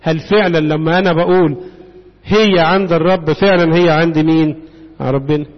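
A man with an Egyptian accent delivers a sermon in a high voice, throwing questions out to the congregation and waiting for their answers. The sound is muffled and echoes through a long, reverberant hall. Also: fairly even intonation, fairly quick. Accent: Egyptian Arabic. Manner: call-and-response questioning of the congregation. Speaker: preacher.

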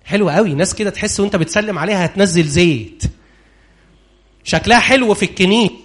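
A man preaching a sermon in Egyptian Arabic, animated and constantly questioning his congregation. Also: sits high, quick pace.

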